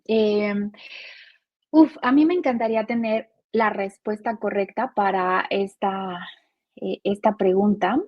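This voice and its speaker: Woman, 40s, Mexican accent, podcast guest, earnest, husky, dry recording. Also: medium pitch, steady tone, slow pace, no echo, dull audio. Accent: Mexican Spanish. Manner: earnest, explanatory, uses many rhetorical "¿no?" tags. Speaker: guest, gender and care policy specialist. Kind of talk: podcast interview.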